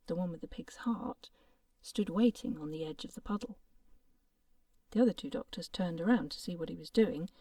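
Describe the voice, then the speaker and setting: A woman reading a fairy tale aloud in a soft-spoken, playful manner, often dropping into a half-whisper. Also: mid-range voice, no echo. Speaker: storyteller. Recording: voice a little distant from the mic.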